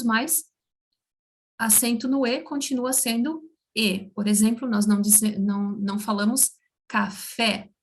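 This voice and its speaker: Brazilian lady teaching letter sounds real slow, keeps asking "right?". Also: on the high side. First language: Portuguese. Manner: slow and careful, spells out sounds and checks in with "certo?". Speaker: Spanish teacher. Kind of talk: slow explanatory lesson.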